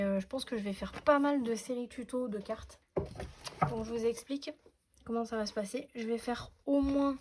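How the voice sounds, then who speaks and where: A woman with a somewhat high, slightly mellow voice hosts a crafting tutorial. Her casual demonstration talk is chatty and full of fillers and restarts.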